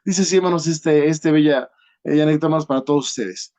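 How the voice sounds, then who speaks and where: A man preaching a sermon as a guest preacher. He is earnest, constantly addresses the congregation directly, and leans on pauses and filler sounds. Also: fairly high pitch, dark tone. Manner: peppers nearly every phrase with a direct address to the congregation.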